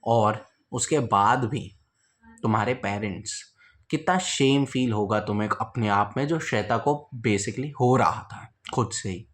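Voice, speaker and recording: A man's voice: lowish voice, a little slow. A young man telling a casual storytime vlog story, speaking bluntly and slangily and talking straight to his viewers. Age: young adult.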